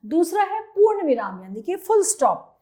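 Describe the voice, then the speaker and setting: Woman teacher, high and lively pitch, talks children through grammar step by step. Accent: Indian Hindi. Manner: explains slowly, repeats, checks with "है ना?"; stresses example sentences loudly. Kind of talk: Hindi grammar lesson for children.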